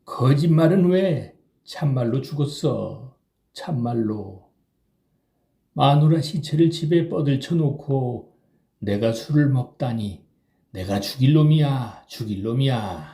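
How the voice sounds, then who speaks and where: A man voicing a drunk, boisterous middle-aged rickshaw puller who shouts and slurs in an audiobook reading. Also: medium pitch, lively intonation, slow, creaky, reverberant, voice pushed up. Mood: drunken grief. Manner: loud, slurring drunken shouting.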